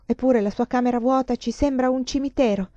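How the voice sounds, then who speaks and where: A woman's voice: fairly high pitch, brisk, mellow, no room sound, highs cut off, pitched above the performer's own voice, natural voice. A woman voicing a sour, coldly sarcastic nun who speaks dryly. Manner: cold, dry.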